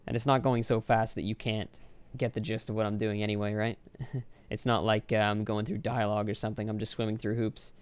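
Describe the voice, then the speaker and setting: Offhand, flat-voiced young man gaming. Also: fairly low pitch, moderate pace, clear, resonant tone. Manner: rambling, offhand, self-deprecating. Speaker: Let's Play commentator. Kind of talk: casual gameplay commentary.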